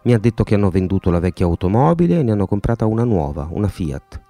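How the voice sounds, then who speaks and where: A man's voice: big pitch swings, quick pace, mellow, no echo, faint music behind. A man reading aloud and voicing a scornful, jealous middle-aged mother who gossips with sarcasm in an audiobook. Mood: gossipy scorn. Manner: shrill, sarcastic, spiteful gossip. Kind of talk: audiobook character voice.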